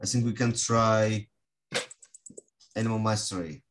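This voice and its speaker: A woman teaching English online runs a casual interactive lesson with word games over a video call, using short prompts and calling on pupils. Her voice is rumbling low with fairly even intonation and a slightly slow pace, and there's background noise.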